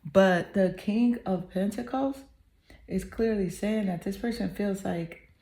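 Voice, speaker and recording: Speaking unhurriedly in a mellow, medium-pitched voice with a touch of hoarseness, this woman reads tarot for the viewer. Her reading is earnest and affirming, punctuated by frequent "okay?" and "you know" check-ins.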